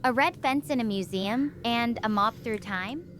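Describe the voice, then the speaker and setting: Measured in pace and fairly bright, a slightly high synthetic female voice takes the role of a stranded young astrophysics researcher. She's inquisitive and talkative, asking question after question, with a little hiss or hum present.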